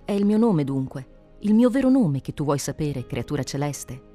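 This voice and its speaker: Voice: mid-range voice, very animated, moderate pace, dark tone, soft background music. Un lettore che fa un fiero pirata appassionato. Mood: solemn. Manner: fervent declaiming. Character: passionate proud male pirate chief. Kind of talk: dramatic reading of an adventure novel.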